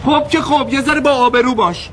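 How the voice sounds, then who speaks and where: A man's voice: extremely high pitch, fairly bright tone, slight background noise. An actor playing a squabbling, cash-strapped husband in a TV drama, defensive and wheedling in his bickering. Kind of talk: TV series acting.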